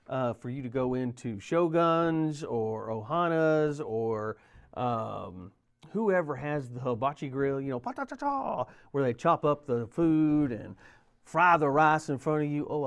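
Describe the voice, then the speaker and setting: A middle-aged man, hosting a local community talk show in a chatty, rambling way with jokey asides. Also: mid-range voice. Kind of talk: casual chat.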